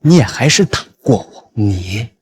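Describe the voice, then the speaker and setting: An actor playing a cocky, unflappable hero in a fantasy drama, taunting in a nonchalant way. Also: male voice, on the low side, sing-song, normal speed, darkish tone. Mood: smug taunting. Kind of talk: Chinese fantasy short-drama acting.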